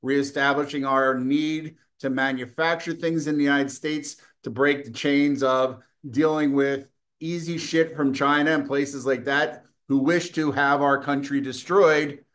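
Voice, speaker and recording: A man's voice: medium pitch, fairly even intonation, measured pace, fairly bright tone. A middle-aged man hosting a political commentary show, delivering a combative, scornful and profane opinion monologue, with occasional coughing.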